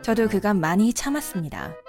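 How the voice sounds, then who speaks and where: A woman's voice: medium pitch, wildly swooping pitch, a little fast, a little mellow. A woman voicing a respectful yet insistent daughter-in-law and mother, in a cartoon drama. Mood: upset. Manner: polite, respectful, growing insistent. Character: daughter-in-law, polite but firm mother. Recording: faint background music.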